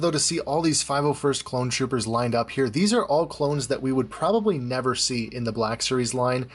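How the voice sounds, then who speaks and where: A man casually reviewing collectible action figures in detail, talking in a chatty, measured way. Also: mid-range voice, breathy edge.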